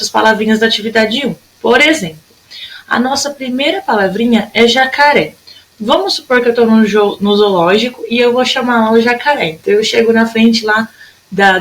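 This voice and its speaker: A young adult woman with a Brazilian Portuguese accent teaching a recorded lesson to children, patient and stretching words out slowly to show them. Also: on the high side, fairly bright tone, low-quality recording. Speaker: primary school teacher.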